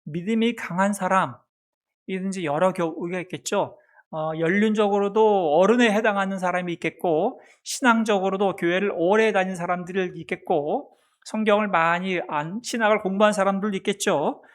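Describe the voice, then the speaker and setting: Pastor preaching, asking and answering. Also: male voice, high voice, moderate pace. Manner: asks the congregation questions and answers them himself; acts out a mother's soft baby talk. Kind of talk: sermon. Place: church sanctuary.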